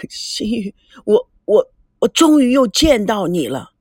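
A woman voicing an elderly grandfather, overcome with emotion, who speaks in hushed, halting, tearful bursts with a breathy, dry sound. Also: medium pitch, big pitch swings, no room sound, exaggerated voice. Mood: overjoyed.

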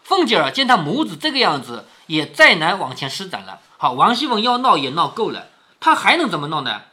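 Lively man explaining a classic story. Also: sits high, a little fast. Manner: explains with chuckles and rhetorical questions. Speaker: father reading to his daughter. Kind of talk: storytelling reading with commentary.

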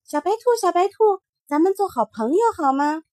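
A woman voicing a small, excitable child in a storybook reading. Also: fairly quick, no room sound, clean studio sound. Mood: affectionate. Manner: eager, high childlike voice.

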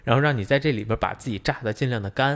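A man's voice: medium pitch, rapid-fire, a bit bright. A man co-hosting a podcast, explaining things at length in casual chat, with many fillers. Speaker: podcast co-host.

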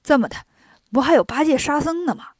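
A woman voicing a timid monk master who talks softly and anxiously. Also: high voice, fast talker, no room sound, studio quality, close to an everyday voice. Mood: fretful.

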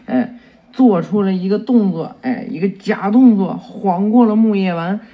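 A man's voice: high voice, expressive, measured pace, highs cut off. Chatty man retelling a cartoon episode. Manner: chatty, full of fillers, corrects himself. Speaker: storyteller retelling an anime episode. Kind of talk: casual oral retelling with acted voices.

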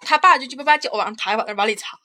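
Rapid-fire, foul-mouthed woman. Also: sits high, sharp tone. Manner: blunt and heavily profane, heated venting. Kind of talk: casual chat, storytelling.

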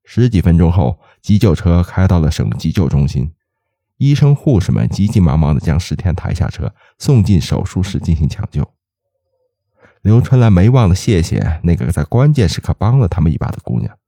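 A man narrating a ghost story in an expressive, dramatic way. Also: sits low, moderate pace, no echo.

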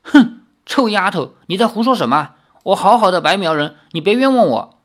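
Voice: mid-range voice, sing-song, fairly quick. A storyteller voicing a sly, hostile male spy who bluffs and barks threats. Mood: threatening. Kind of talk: audiobook character voice.

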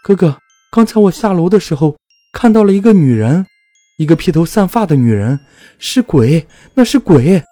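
A man's voice: on the high side, big pitch swings, normal speed, mellow, no echo, faint music behind, voice pushed up. A man voicing a frightened young woman in a spoken horror story, her words trembling and pleading. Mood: terrified. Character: terrified young woman, the narrator's sister.

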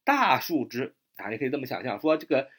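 Husky man teaching vocabulary. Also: mid-range voice, very animated, a bit bright. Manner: spells words letter by letter, slow repetitions. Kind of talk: recorded vocabulary lesson.

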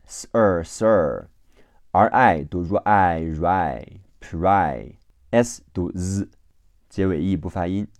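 A man from China teaching English vocabulary in a phonics lesson, spelling each word slowly letter by letter and repeating it. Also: low-pitched, mellow, no echo. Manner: slow, deliberate letter-by-letter spelling and repetition.

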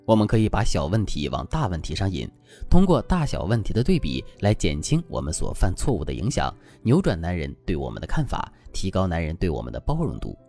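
A man's voice: sits low, huge pitch swings, fairly quick, dark tone, soft background music. A man giving a scripted relationship advice lesson, explaining step by step and posing rhetorical questions. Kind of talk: scripted instructional talk.

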